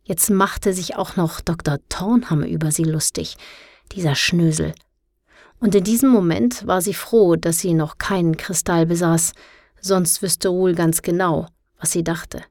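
A woman narrating an audiobook in a steady, clear reading voice. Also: on the low side, measured pace, dry recording, clean studio sound.

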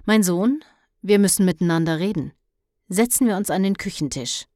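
A woman voicing a stern but caring middle-aged mother, who scolds and then coaxes gently in a storybook reading. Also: medium pitch, expressive, moderate pace, dry recording, clean studio sound, lightly acted.

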